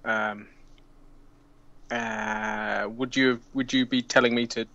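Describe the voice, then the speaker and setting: A man's voice: mid-range voice, level tone, slow, a bit bright, no room sound. Hesitant guy player, muffled lo-fi call audio. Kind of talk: casual chat.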